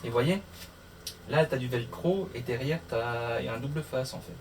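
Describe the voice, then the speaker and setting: A man with a mid-range voice and moderate pace hosts a casual motorcycle tutorial vlog, talking to camera and often muttering to himself as he goes. The mic is distant, and background noise is clearly audible.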